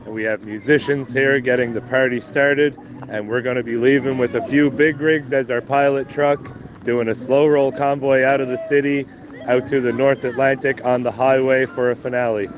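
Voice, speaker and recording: Man from Newfoundland on CB walkie-talkie, upbeat on-location report; muffled lo-fi radio with loud street and vehicle noise. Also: mid-range voice. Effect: over CB walkie-talkie radio. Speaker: rally organizer calling in. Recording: lo-fi radio with outdoor traffic noise.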